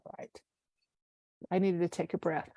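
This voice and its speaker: A woman channeling spiritual messages live on a video call, speaking in a soft, reverent way with breathy sighs. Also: lowish voice, level tone, normal speed, dry recording, muffled recording. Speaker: guest channeler.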